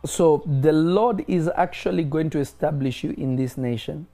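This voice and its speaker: A man's voice: fairly high pitch, normal speed, mellow, soft background music. A man delivering a prophetic word to a caller, declaring blessings and often asking if he is listening. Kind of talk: prophetic ministry over a phone call.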